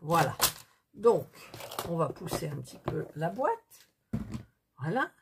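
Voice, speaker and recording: A woman's voice: low-pitched, sing-song, slow, vocal fry, noisy background. A woman chatting casually through a craft tutorial, thinking aloud as she works. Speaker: craft vlogger.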